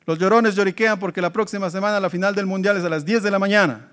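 A male pastor with a rather high voice delivers an emphatic sermon. He asks rhetorical questions and moves between loud exclamations and hushed asides.

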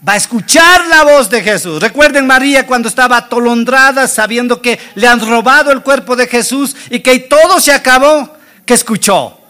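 High-voiced, slow-spoken preaching man. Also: sharp tone. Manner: dramatic, acts out the Bible scenes; asks the congregation questions. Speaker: pastor. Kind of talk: sermon.

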